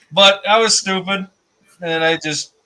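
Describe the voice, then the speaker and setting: A man's voice: high-pitched, sharp tone, poor audio. A man hosting a casual chat, telling a story with animation and laughing at himself.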